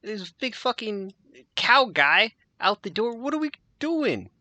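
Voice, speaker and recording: A man's voice: extremely high pitch, huge pitch swings, unhurried, pushed and bright, no room sound, pitched above the performer's own voice, heavily acted. A man voicing a panicky young male thug who has been taken prisoner, frantic and cursing. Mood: panicked.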